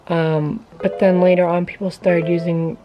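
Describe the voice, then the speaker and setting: A woman's voice: fairly low pitch, little pitch movement, normal speed, highs cut off. A woman vlogger talking casually to camera, sharing tips in an informal, chatty way with many fillers.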